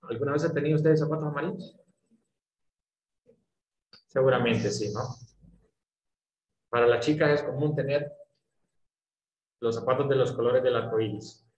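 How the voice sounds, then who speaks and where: A man teaching English in an online class, explaining patiently and often checking understanding with quick questions. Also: mid-range voice, darkish tone, highs cut off. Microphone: video call. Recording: roomy echo, faint background noise.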